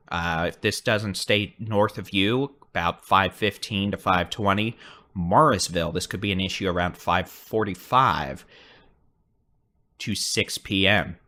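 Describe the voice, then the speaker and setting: A man's voice: low voice, pushed and bright. A man giving live severe weather coverage, steadily listing towns and arrival times. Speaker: weather forecaster.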